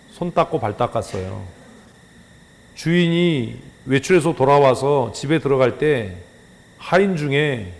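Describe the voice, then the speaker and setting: A man preaching a sermon as pastor, firing rhetorical questions at the congregation and swinging from loud scolding to hushed emphasis. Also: medium pitch, creaky. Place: church sanctuary. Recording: long church hall reverb.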